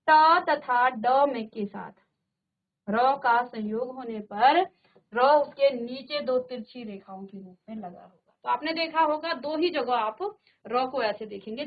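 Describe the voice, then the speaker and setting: Brief: high-pitched woman teacher from a virtual-classroom studio, patient, repeats sounds for the class, narrow phone-like audio. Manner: drills sounds by repeating them, checks with "ठीक है". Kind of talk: classroom grammar lesson.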